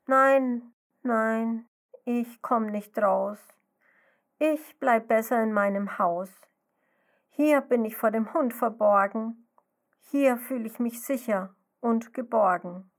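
A woman's voice: high voice, expressive, slow, pitched above the performer's own voice, heavily acted. A woman voicing a timid, frightened baby snail girl in a children's story, refusing with fearful insistence. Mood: scared.

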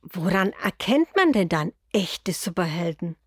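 A woman voicing a kind, curious young boy in a storybook, with a bright, eager childlike voice. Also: fairly low pitch, sing-song, unhurried, breathy edge, no echo, studio quality, full character voice. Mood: wondering. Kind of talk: storybook character voice.

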